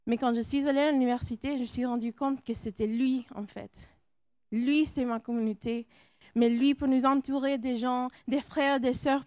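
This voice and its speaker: A young woman from California shares her faith testimony with an American accent. Her voice is smooth, clear and fairly high, and it sits dry and close to the mic. She speaks softly and pauses to find her words. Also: dry recording. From California, United States. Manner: soft-spoken, searching for words. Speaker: missionary. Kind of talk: personal testimony. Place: church.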